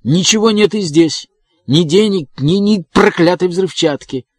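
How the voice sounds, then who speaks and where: A man voicing a frantic, greedy male prisoner who shouts in a breaking voice, in an audiobook. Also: mid-range voice, very animated, slow, dry recording, studio quality. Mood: furious.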